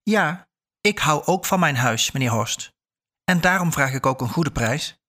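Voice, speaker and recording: A man voicing a sharp proud old woman. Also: lively intonation, a little slow, full character voice. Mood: firm. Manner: curt, shrill when angry.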